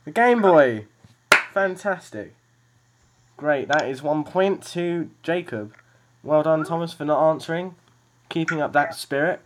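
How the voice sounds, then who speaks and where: A man's voice: on the high side, moderate pace, noisy background. A man hosting a casual podcast game over a video call, joking and teasing his friends as he talks. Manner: playful, teasing, laughs often. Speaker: podcast host. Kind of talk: casual chat.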